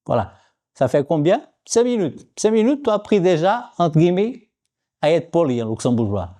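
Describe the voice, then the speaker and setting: A man's voice: fairly high pitch, very animated, normal speed, mellow. A man from Portugal with a Portuguese accent, talking in a casual vlog and repeating words over and over as he teaches them. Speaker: vlogger. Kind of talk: casual language-learning vlog.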